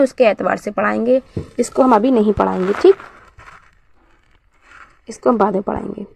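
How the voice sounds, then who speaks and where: A woman with a fairly high pitch runs a beginner Quran reading lesson, with no echo on the recording. Asking questions and answering them herself, she drills the syllables slowly and clearly.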